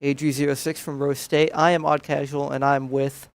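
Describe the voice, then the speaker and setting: A young man doing play-by-play for a college esports match, steady and matter-of-fact. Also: a little high, moderate pace, clear, resonant tone, no room sound. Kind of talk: casual esports commentary.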